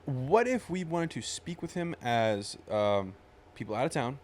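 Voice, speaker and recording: A man's voice: mid-range voice, animated, measured pace, a little mellow, a little hiss or hum. A man playing a tabletop role-playing game, chatting casually about what his character does.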